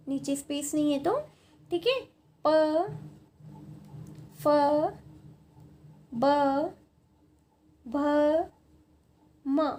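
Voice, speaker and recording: A woman teaching a grammar lesson at a board, patient, often checking in with her students and repeating points slowly. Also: high voice, darkish tone, slight background noise. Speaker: Sanskrit teacher.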